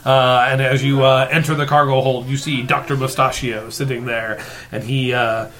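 A man's voice: medium pitch, level tone, moderate pace, a bit bright. A man speaking casually as game master, narrating and refereeing a tabletop role-playing game.

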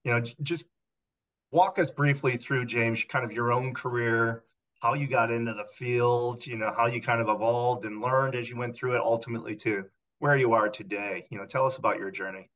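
A man's voice: medium pitch, fairly even intonation, moderate pace, fairly bright tone, muffled recording. A man co-hosting a podcast, asking a guest about his career in an affable way with plenty of fillers. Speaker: podcast co-host. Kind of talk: interview questions.

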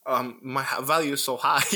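A man's voice: medium pitch, pushed and bright. A young man co-hosting a podcast, asking questions and teasing his friend with laughter. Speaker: podcast co-host. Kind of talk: casual podcast banter.

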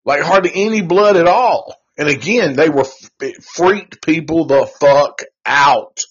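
A man's voice: fairly high pitch, a little slow, slightly rough. A man hosting a live show, reviewing a movie in a rambling, profane, laid-back way with lots of slang. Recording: dull lo-fi recording.

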